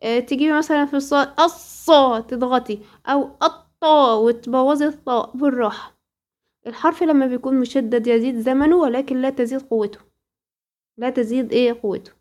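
A woman with an Egyptian accent teaching Quran recitation rules to girls, drawing out example words slowly and asking questions she then answers. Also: sits high, fairly even intonation, a little mellow. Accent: Egyptian Arabic. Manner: drills words in slow drawn-out recitation, asks rhetorical questions. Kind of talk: tajweed lesson to girls.

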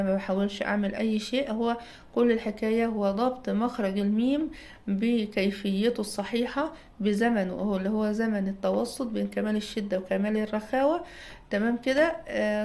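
A woman's voice: medium pitch, darkish tone. Egyptian woman teaching recitation rules. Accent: Egyptian Arabic. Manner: asks and answers her own questions, checks in with listeners. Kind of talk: explanatory lecture.

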